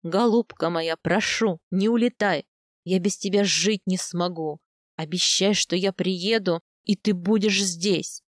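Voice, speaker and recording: A woman voicing a young male steppe warrior in an audiobook, speaking low and drawn out. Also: unhurried, dry recording, studio quality, lightly acted. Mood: pleading, tender. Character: young passionate steppe husband, pleading.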